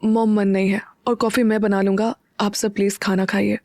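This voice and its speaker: Woman playing a young husband, brooding, heartsick, subdued, low murmur, dry close recording. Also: flat delivery, normal speed, darkish tone, dry recording, natural voice. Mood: weary.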